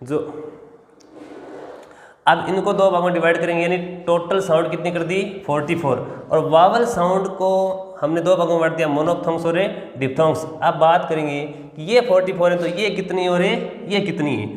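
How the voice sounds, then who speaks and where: A man's voice: fairly high pitch, normal speed. A male teacher giving a lesson, explaining step by step and answering his own questions. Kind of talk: classroom lesson. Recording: echoey room with long reverb.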